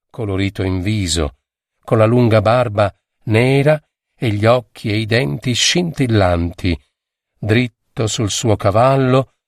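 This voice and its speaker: A man narrating a short story in a measured, dramatic reading. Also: medium pitch, no room sound, clean studio sound. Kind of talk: scripted audiobook narration.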